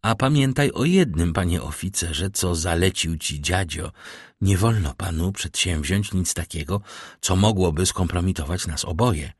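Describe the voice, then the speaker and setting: A man reading an audiobook, voicing a gentle, anxious young woman. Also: low voice, normal speed, dry recording, studio quality. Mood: tender.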